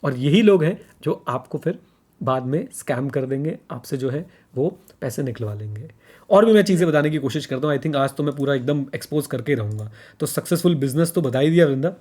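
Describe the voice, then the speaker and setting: A fairly high-pitched man, talking casually as a podcast co-host. He hammers his points home, repeating them, and slips English phrases into his speech. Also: expressive, a little fast, dark tone.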